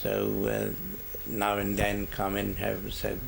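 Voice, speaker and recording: A retired older man, born in India, answers oral history questions haltingly, with lots of pauses and fillers. His voice is lowish, monotone and creaky, and there's a little background noise.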